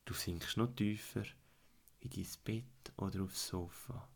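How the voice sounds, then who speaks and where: Man, Swiss German accent, lowish pitch, sleep story narrator, soothing guided relaxation, repeated gentle instructions. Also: gravelly. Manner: soothing, slow instructions with repetition, at times dropping to a hush.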